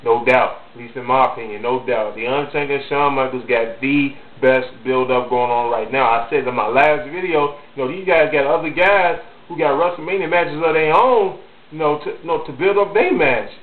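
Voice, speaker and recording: A man's voice: mid-range voice, moderate pace. A man giving his opinions in a casual vlog, rambling and stuttering, filling gaps with "you know". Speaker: wrestling vlogger. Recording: echoey, phone-like lo-fi sound.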